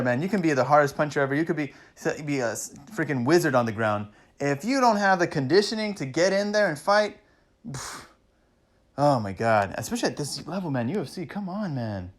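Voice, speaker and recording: Man, casual fight recap, excitable, rambling, swears a lot, fairly high voice. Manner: excitable, rambling, swears freely, frequent "man" and "you know"; acts out fighters' thoughts in quoted asides. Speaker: MMA vlogger recapping fights.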